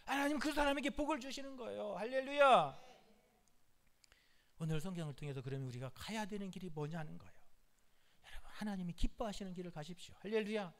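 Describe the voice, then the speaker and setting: Male pastor, sermon, high voice, emphatic, repetitive, frequent hallelujah calls. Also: fast, a bit bright.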